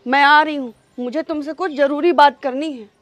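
A woman's voice: high-pitched, fairly even intonation, moderate pace, fairly bright tone, slight background noise. A woman playing a wife in a comedy sketch, insistent and taunting toward her husband. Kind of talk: scripted comedy sketch acting.

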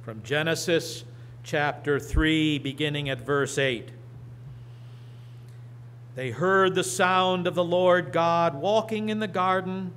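A middle-aged man preaching and reading scripture from a church lectern, slow and deliberate with emphatic rises. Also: fairly high pitch, a bit bright, a little hiss or hum. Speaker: pastor. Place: church sanctuary. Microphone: lectern microphone.

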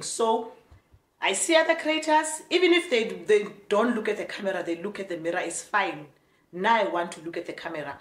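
A woman in her forties with a South African Xhosa accent, chatting frankly to camera in a casual vlog and mixing in Xhosa phrases. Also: medium pitch. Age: 40s. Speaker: vlogger. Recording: echoey room with faint music.

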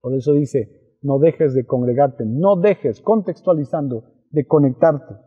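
A man's voice: on the high side, unhurried, husky. A man with a Peruvian accent preaching a youth sermon as pastor, emphatic and repeating his key phrases. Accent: Peruvian Spanish. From Peru. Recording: dull muffled sound with long reverb.

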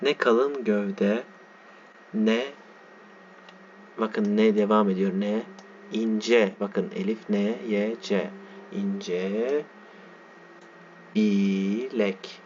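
Male teacher, slightly low voice, slow patient delivery that spells out letters, lo-fi recording. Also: fairly even intonation, darkish tone. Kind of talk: reading and explaining a text. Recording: dull lo-fi sound with faint background noise.

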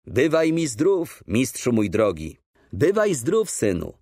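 Brief: mournful old teacher read by a male narrator, low husky tremble, slow dry delivery. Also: huge pitch swings, a little mellow, no room sound, heavily acted. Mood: tender farewell. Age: older. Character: sorrowful old male schoolteacher. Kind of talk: audiobook character voice.

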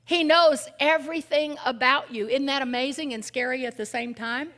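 An older woman giving an animated, humorous sermon as guest speaker at a women's event. She swings from loud exclamations to hushed near-whispers and often asks the audience questions. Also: sits high, normal speed.

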